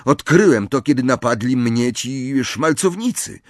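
A man's voice: mid-range voice, animated, measured pace, dry recording, clean studio sound, voice pushed up, natural voice. A man reading an audiobook, voicing a blunt, cheeky teenage boy wizard in a slightly raised, offhand voice. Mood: arguing.

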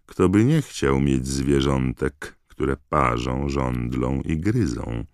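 A man reading an audiobook and voicing a clever, sharp-tongued teenage girl in a brisk, irritated tone. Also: lively intonation, dry recording, studio quality, full character voice. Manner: irritated, brisk, raised pitch.

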